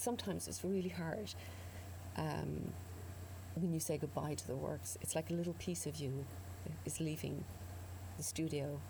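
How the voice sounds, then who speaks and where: A woman from North Kerry with a west of Ireland accent, talking reflectively as an interview guest in a thoughtful, hesitant way with trailing pauses. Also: deep voice, creaky, background noise.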